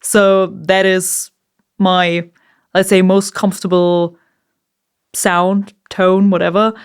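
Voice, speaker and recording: A woman with a clear, smooth voice gives a casual vocal tutorial. She speaks at an average pitch, in an informal and chatty manner, like a singer explaining her own practice. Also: little pitch movement, slow. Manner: informal, chatty, occasional swearing. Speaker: vocalist giving a screaming tutorial. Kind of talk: casual instructional talk.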